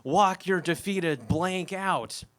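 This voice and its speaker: A man's voice: high voice, slow pace, a bit bright. A man quoting a drunk brawler who taunts and curses, in a live storytelling set. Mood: taunting. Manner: taunting, profane.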